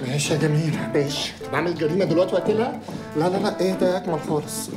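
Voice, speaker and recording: An actor playing a pompous, bossy company owner, blustering and teasing in an Egyptian accent. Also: male voice, on the high side, racing, close to an everyday voice. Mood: mocking. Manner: blustering, self-important, teasing. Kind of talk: comic film acting. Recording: film audio with room echo and music.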